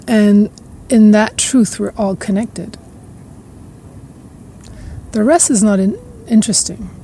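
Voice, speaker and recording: A woman's voice: medium pitch, a little hiss or hum. A woman hosting a podcast, musing at length in a reflective spiritual monologue. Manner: slow, musing, with soft laughs and trailing repetitions. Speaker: podcast host.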